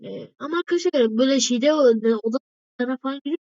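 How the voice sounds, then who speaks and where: Racing along in a high voice with a darkish tone, a female gaming video maker chats through her gameplay and keeps calling her viewers friends. It's a dry, dull lo-fi recording.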